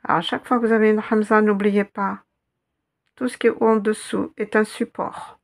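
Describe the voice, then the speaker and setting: A woman's voice: mid-range voice, flat delivery, moderate pace, creaky. A woman teaching a reading lesson, patiently spelling out letters and repeating each word several times. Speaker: Arabic teacher.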